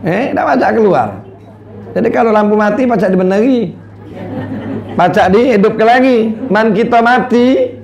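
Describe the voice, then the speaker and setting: A man with a Palembang Malay accent preaching a sermon, swinging from loud calls to low, quiet lines. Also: normal speed, highs cut off, some chatter behind.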